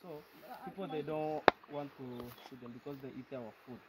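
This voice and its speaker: Local guide guy explaining stuff on a walk, kinda high voice, loud outdoor noise all over. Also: a little fast. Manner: explanatory, simple phrasing, laughs easily. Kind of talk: explaining while walking. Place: outdoors in farmland forest.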